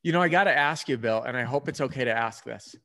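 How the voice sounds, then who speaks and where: A man hosts an interview with an enthusiastic, chatty delivery, full of quick asides. His voice sits at an ordinary middle pitch for a man. The sound suggests a video call. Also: pushed and bright. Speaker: host. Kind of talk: interview host.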